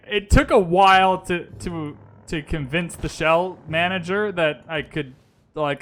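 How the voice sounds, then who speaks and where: A Vancouver man live-streams a strategy game, thinking through his moves out loud in loose, chatty gaming commentary. His voice is bright and forceful, pitched slightly high, and he stops now and then to answer viewers.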